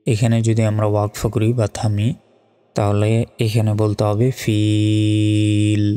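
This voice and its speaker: A man with a low, mellow voice teaching Quran recitation. He spells out each syllable slowly and chants the verses in a steady, even tone. The recording carries a long, echoey reverb. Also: faint music behind. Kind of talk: step-by-step recitation lesson.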